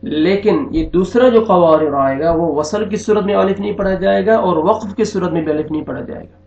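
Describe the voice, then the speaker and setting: Gravelly Quran teacher, echoey lo-fi room. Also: male voice, sits high, a little fast, a little mellow. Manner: patient, repeats each rule with frequent check-ins. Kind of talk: recorded online lesson. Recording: echoey, dull lo-fi room sound.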